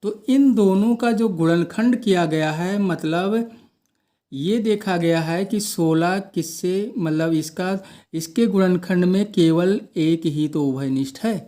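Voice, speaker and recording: A man's voice: high-pitched, slow, dark tone. A man teaching a math lesson, posing questions to the class and answering them himself.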